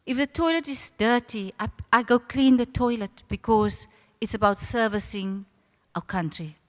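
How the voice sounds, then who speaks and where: Casting: older woman, South African accent, higher-pitched, animated and familiar ceremony speaker, long hall reverb. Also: moderate pace. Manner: animated, direct, addresses the audience familiarly. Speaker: host of a ceremony, arts centre leader. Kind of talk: informal public speech. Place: large reverberant venue at a public ceremony.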